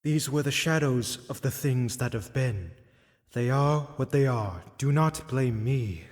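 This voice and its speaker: A man playing the Ghost of Christmas Past, a calm, probing spirit guiding an old man through his memories in a radio play. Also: medium pitch, measured pace, close to an everyday voice. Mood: grave. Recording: live hall with reverb and audience.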